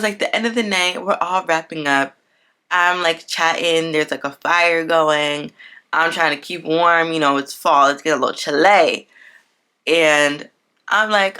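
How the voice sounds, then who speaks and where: Young woman podcaster, bright lowish voice, rambly earnest chat, says like a lot. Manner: chatty and earnest, leans heavily on "like". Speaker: podcast host. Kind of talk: unscripted casual chat.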